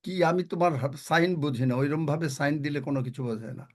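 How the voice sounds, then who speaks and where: A man's voice: on the high side, brisk. A man preaching a sermon, slipping English phrases into his talk, repeating lines for emphasis and putting questions to the congregation. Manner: asks the congregation questions directly.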